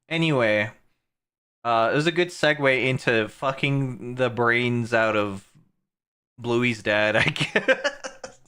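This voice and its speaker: Crude, joking male streamer, slow and lively. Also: mid-range voice, clear, resonant tone. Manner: crude, joking, laughs often. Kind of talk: casual live-stream commentary.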